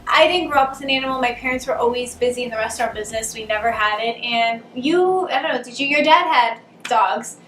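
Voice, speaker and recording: A woman's voice: on the high side, quick pace, few pauses, a bit bright, a little hiss or hum. A woman with a Boston accent hosting a casual couple Q&A at home, chatty and rambling, laughing often. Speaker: channel host. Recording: roomy, distant camera sound.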